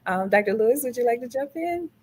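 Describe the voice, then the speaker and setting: A woman hosting a panel discussion, affirming her guests and telling animated stories with laughter. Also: on the high side, quick pace, slight background noise. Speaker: host.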